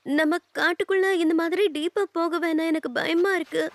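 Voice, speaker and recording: A woman's voice: very high voice, steady tone, brisk, dry recording. A timid stammering schoolgirl. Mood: anxious. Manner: hesitant, nervous, stammering. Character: timid anxious schoolgirl, shy and worried. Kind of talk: Tamil anime dub acting. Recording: dub over background music.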